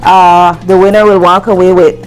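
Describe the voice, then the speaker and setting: Speaking at a moderate pace in a low, level voice, a middle-aged woman guests on a cooking show as a brand representative, casually explaining products and promotions. She's recorded on a lapel mic on a TV studio kitchen set, with soft background music and poor audio.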